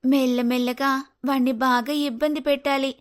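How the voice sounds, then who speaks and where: A bold, clever young daughter-in-law in a cartoon story, played by a woman. Her high voice is firm and declaring, with a scheming edge. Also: flat delivery, normal speed, lightly acted.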